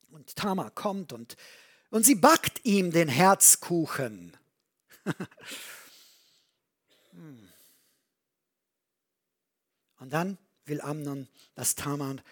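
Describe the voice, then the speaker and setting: Husky breathy preacher, sermon, reads verses and tells the story all animated. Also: mid-range voice.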